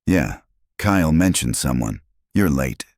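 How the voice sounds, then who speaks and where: Man doing a gruff, dismissive restaurant manager. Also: rumbling low, very animated, measured pace, darkish tone, dry recording, clean studio sound, exaggerated voice. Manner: curt and mocking.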